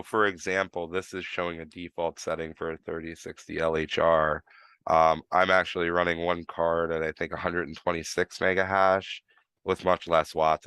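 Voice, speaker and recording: A man with a New York accent, slightly tinged with Florida, walks through the details in a loose, rambling way, full of "you know" and restarts. His voice sits very low and sounds smooth and resonant. The sound is dry and close. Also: a bit bright, no room sound. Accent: New York, with some Florida. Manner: rambling, lots of fillers and restarts. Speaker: live stream host. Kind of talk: casual explanatory chat.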